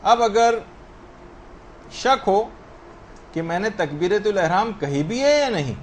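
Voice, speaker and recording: A man with a fairly high voice leads a religious lesson on how to pray correctly. He works through one ruling after another, raising common questions and settling them himself. A faint background hum sits under his voice. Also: lively intonation. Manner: explanatory, asks and answers questions himself; spells out correct pronunciation slowly. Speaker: religious teacher.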